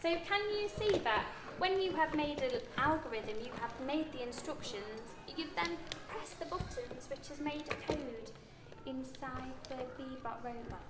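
Loud music plays behind a British woman, a primary school teacher leading an interactive lesson for young children, walking them through ideas step by step with many questions. Her high voice is expressive and a little slow, with hardly any pauses, captured at a distance by a nearby camera in an echoey, wooden-floored indoor classroom.

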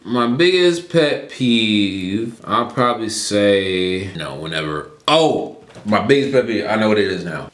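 A man's voice: lowish voice, fairly bright tone. Young man chatting slangy in a roomy space. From Georgia, US. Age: young adult. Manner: laid-back, slangy, lots of fillers. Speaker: vlogger. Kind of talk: casual mukbang Q&A chat. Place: small room with neon lights, indoors. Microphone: fixed camera at desk.

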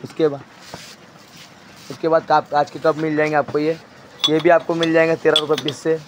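A man showing stock in a crowded wholesale storeroom, briskly listing items and prices and telling a helper what to hold up. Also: a little high, level tone, background noise. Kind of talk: walk-through product showcase.

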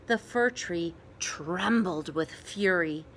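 With a voice on the lower side, a woman narrates a children's picture book, adding expressive stress and dramatic pauses.

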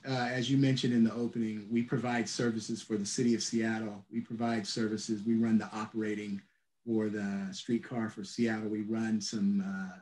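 A middle-aged man who leads a transit agency answers questions over a video call from an office at home or work. His voice is lowish and measured, he restarts phrases and fills pauses with "uh," and the room sounds echoey.

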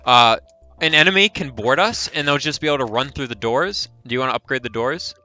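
A young man casually leading friends through a video game, animated and bossy, often clearing his throat. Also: mid-range voice, a little fast, soft background music. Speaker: player leading a group game. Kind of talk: casual gaming chat.

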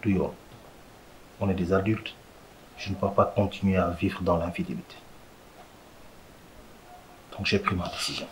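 An actor with a Senegalese accent playing a calm man who proposes marriage in a TV drama, speaking in a measured, earnest way. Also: low-pitched, a little hiss or hum, lightly acted, rough recording. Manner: measured, earnest, mixing French and Wolof. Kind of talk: TV drama acting. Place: restaurant dining room.

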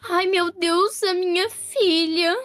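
Woman voicing a distraught young mom, very high and fretful, game role-play. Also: fairly even intonation, slow, a bit bright, exaggerated voice. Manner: fretful, sighing "ai, meu Deus". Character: distraught young mother of a missing baby.

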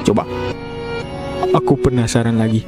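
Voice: mid-range voice, flat delivery, normal speed. A gamer giving a let's play commentary on a horror game, jumpy and easily startled, with frequent exclamations and constant address to the viewers. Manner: keeps addressing the audience as "guys" and "Pak". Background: loud game music.

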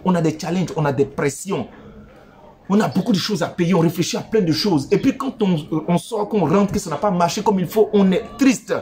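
A man giving relationship advice in a playful, teasing monologue that swings between loud outbursts and low asides, speaking straight to his listeners. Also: brisk.

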